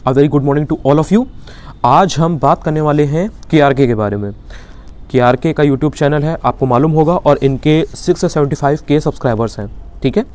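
A man's voice: fairly high pitch, moderate pace, darkish tone. Indignant Indian man ranting on camera. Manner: indignant, argumentative, rhetorical questions. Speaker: YouTube commentator. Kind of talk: opinion commentary vlog.

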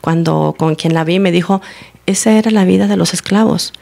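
Woman, church testimony sermon; low, gravelly tone; animated storyteller who acts out dialogue. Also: moderate pace. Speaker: church member giving a teaching. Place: church service, recorded live.

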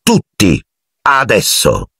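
A man's voice: on the low side, slow pace, vocal fry, slightly rough, no echo, voice pushed up, exaggerated voice. Audiobook figure, cold sneering teacher, silky menace, dry sound, a man doing the voice. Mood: icy contempt. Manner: icy, menacing, silky calm.

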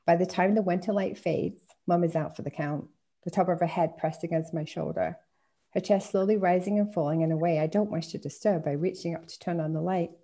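Gravelly woman author reading aloud. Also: lowish voice, steady tone, brisk, mellow. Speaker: author reading her work. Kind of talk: reading aloud a first-person story.

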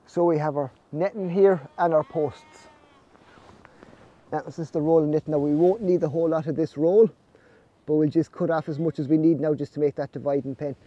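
The lo-fi clip features a man from Ireland in his forties whose voice is a little high. Presenting his snail farm vlog outdoors under netting, he casually explains farm jobs in his Irish accent.

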